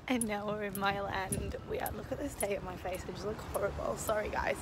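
A woman's voice: medium pitch, steady tone, fairly quick, noisy background. Chatty Yorkshire woman vlogging. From Yorkshire, England. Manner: chatty, self-deprecating, rambling asides. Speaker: travel vlogger. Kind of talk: casual vlog chat to camera. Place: out and about in a city, indoors and outdoors. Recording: vlog with music behind.

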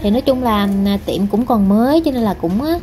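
A woman's voice: medium pitch, lively intonation, a little fast, dark tone. A young woman, chatting casually to her viewers in a hair salon, full of fillers and asides. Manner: rambling, many fillers, addresses viewers directly. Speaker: vlogger. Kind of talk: casual vlog narration. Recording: noisy background.

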